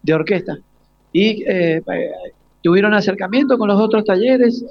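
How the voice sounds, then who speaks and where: This is a loose, live radio interview led by an Argentine man whose voice sits high and moves at a normal speed. He stumbles into his questions, starting over several times. The broadcast is lo-fi and slightly dull, with no room sound.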